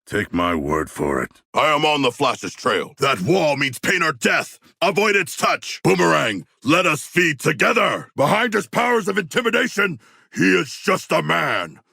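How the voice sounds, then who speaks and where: A man voicing a hulking humanoid shark warrior for a video game, gravelly, with formal, grandiose, earnest delivery. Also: a little high, very animated, a little slow, bright, forceful tone, dry recording, studio quality, heavily acted. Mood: fierce battle cries. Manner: formal, grandiose, stilted phrasing. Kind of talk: video game character dialogue.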